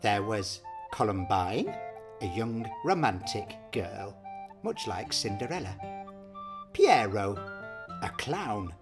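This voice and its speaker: Very animated, this middle-aged Briton speaks slowly with frequent pauses, narrating a scripted explainer in exaggerated pantomime-dame style, his pitch jumping and diving constantly. The setting is a small dressing room, desk distance from the camera, with faint background music.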